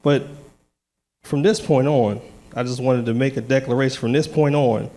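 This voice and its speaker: A man speaks in a church testimony, casual and earnest, laughing now and then. His voice sits at a middle pitch, and he grows firm and declarative as he talks. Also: steady tone, normal speed, mellow. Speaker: lay speaker giving testimony. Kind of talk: church testimony and short sermon.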